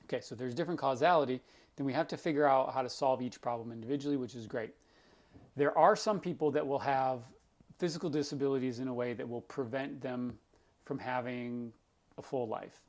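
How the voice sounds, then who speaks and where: A man's scratchy, mid-range voice comes through a little fast as he, a doctor, hosts a live Q&A stream. He explains in a loose, conversational manner full of everyday examples.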